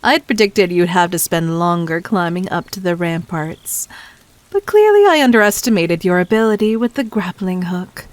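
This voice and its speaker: With a lowish voice and no echo, a woman lightly acts the part of a poised demon queen in an audio roleplay. Amused and condescending, she teases the listener in formal speech sprinkled with breathy whispers.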